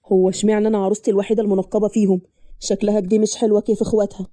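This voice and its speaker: A woman's voice: mid-range voice, steady tone, rapid-fire, dark tone, dry recording, pitched below the performer's own voice, lightly acted. A woman voicing a grumbling, defensive young village groom in an Upper Egyptian accent. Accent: Upper Egyptian Arabic.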